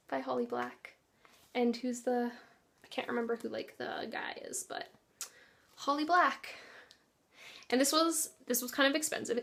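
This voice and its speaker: Chatty young woman with a gravelly edge. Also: on the high side. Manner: chatty, rambling, often trails into soft whispered asides. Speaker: book vlogger. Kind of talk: casual chat.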